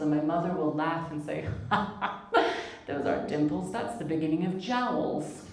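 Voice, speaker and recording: Woman doing stand-up in a club. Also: on the low side. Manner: deadpan, self-mocking, quick asides to the crowd. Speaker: stand-up comedian. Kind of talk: stand-up comedy set. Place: comedy club stage. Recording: echoey club, distant mic, audience laughter. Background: audience laughter.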